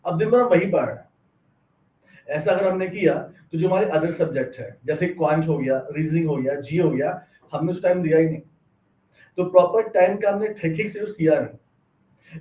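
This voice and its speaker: A man's voice: on the high side, dark tone. A man, a bank exam teacher explaining study tips in a friendly way, addressing viewers as friends. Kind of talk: explanatory lecture. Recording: distant mic in echoey room.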